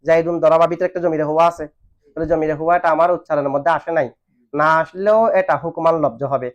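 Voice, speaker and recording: A man's voice: a little high, steady tone, fast talker. A man teaching a grammar lesson, asking questions and waiting for students to answer. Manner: asks questions and has students answer back. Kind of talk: classroom lesson on Arabic grammar. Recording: dull lo-fi recording.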